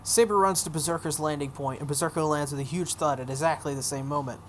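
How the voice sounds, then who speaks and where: This woman talks quickly in a low-pitched voice as she hosts a game playthrough. She reads a visual novel aloud with expression and slips in casual, offhand remarks, over some background noise.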